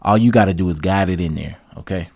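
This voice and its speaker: Laid-back man, low dry voice. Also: fast talker, creaky, dry recording. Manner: relaxed, chatty, addresses viewers as "y'all". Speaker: truck driver giving career advice. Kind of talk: casual advice vlog with read-out tips.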